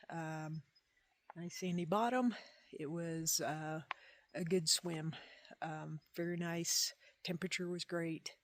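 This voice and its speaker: A backpacker recording a casual, unscripted video diary outdoors at a lakeside camp, pausing and trailing off between thoughts. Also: medium pitch. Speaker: backpacker vlogging a long trail hike. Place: outdoors at a campsite by a wilderness lake.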